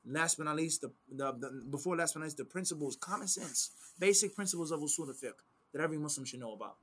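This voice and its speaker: In a seated Q&A, this Islamic teacher explains religious principles at a quick pace, his slightly high voice tense, forceful, and a little rough. Key phrases come back again and again for weight, and he draws on Arabic quotations throughout.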